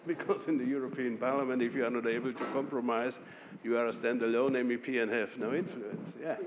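A man with a German accent talks on a panel in a calm, measured way. He breaks off now and then with a short laugh or a restart. His voice carries a long reverb from a large conference hall, with a faint murmur of ambience behind it. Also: medium pitch, lo-fi sound, slight background noise. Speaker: Member of the European Parliament. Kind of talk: panel discussion.

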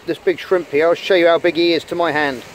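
Showing small sea creatures at an outdoor rock pool, a higher-voiced, middle-aged host chats quietly and enthusiastically into a hand-held camera for his casual nature vlog. His intonation is fairly even and his pace quick, with faint wind and water noise in the background.

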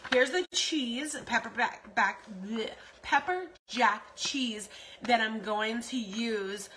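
A woman's voice: on the high side, slow, sharp tone, slight background noise, rough recording. A woman in her forties chatting casually through a grocery haul in her home kitchen, rambling with lots of ums and repeats. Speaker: vlogger. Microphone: phone camera at arm's length.

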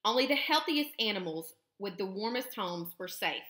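A woman, a teacher, reading a children's book aloud with expressive, steady storytelling. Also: medium pitch, normal speed. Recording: roomy echo.

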